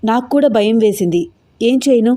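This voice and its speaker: A woman's voice: on the high side, lively intonation, normal speed, no echo, clean studio sound, lightly acted. Woman doing a fiery young bride, scolding. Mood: furious. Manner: scolding, sharp-tongued.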